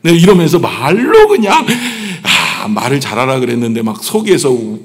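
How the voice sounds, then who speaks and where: Lively middle-aged pastor preaching in reverberant hall. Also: male voice, mid-range voice, normal speed. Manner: conversational preaching, asks the congregation questions, self-deprecating humor. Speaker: senior pastor. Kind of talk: sermon. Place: church sanctuary. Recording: long church hall reverb.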